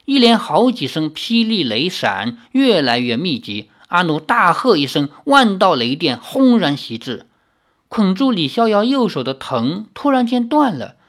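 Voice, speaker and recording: Audiobook narrator, expressive, lively pitch, casual asides. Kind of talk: dramatic novel reading.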